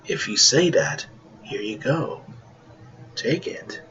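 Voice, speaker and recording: A man voicing a calm, mysterious male guardian who speaks low and hushed, half-whispered. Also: takes it slowly, muffled recording, slight background noise.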